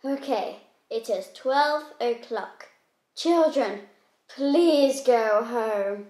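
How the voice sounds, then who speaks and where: A woman plays a patient teacher in a children's classroom skit. She speaks very slowly and clearly in a high voice, with moments of mock strictness. The recording has a roomy echo. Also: darkish tone. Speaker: co-host playing a teacher.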